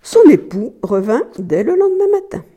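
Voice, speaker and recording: A woman reading a tale aloud in a calm storytelling manner. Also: a little high, normal speed, breathy edge. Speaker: reader.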